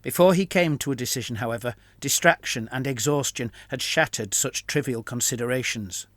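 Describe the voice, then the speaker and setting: A man narrating a written fantasy story in a measured, even reading. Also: mid-range voice, no room sound. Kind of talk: scripted narration.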